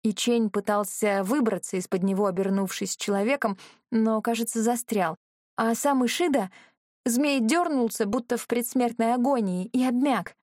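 A woman reading a first-person fantasy audiobook in a measured, earnest way. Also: fairly high pitch, a little mellow, no room sound, studio quality. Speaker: audiobook narrator.

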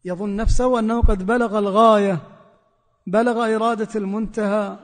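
A man's voice: sits high, fairly even intonation, moderate pace, big-room sound. A man preacher giving a religious sermon, repeating key phrases for emphasis. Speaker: Islamic preacher.

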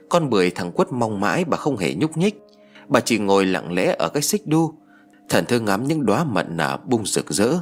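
A man narrating an audiobook story in an expressive storytelling manner. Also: fairly low pitch.

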